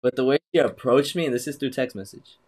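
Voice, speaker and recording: A man's voice: mid-range voice, fast talker, a little mellow. A young man co-hosting a casual chat, slangy and swearing freely, calling people "bro". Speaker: podcast co-host.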